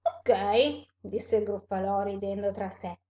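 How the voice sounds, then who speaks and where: A woman teacher reads a rhyming storybook aloud to children in an expressive, unhurried way. Her pitch is fairly high, and the recording sounds slightly dull.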